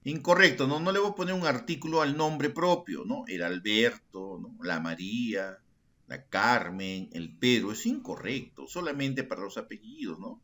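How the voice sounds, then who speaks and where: Patiently walking his secondary school students through grammar, a male teacher uses a mid-range, expressive and fairly bright voice at a moderate pace. The lesson is recorded, and he talks straight to the class, repeating key terms and often adding tag questions.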